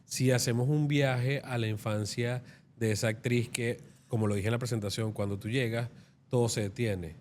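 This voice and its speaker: A man's voice: medium pitch, fairly even intonation, moderate pace, darkish tone, a little hiss or hum. A man hosting an interview, asking thoughtful, admiring questions. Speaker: interview host.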